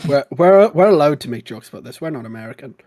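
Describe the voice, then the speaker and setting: A young man co-hosting a casual podcast, excitable and quick to rant. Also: medium pitch. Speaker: podcast co-host.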